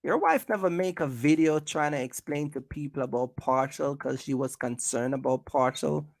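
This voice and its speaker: Gravelly and medium-pitched, the voice moves at normal speed as a trucking YouTuber rants casually at rivals, repeating himself and firing off rhetorical questions. It's a dry recording of studio quality.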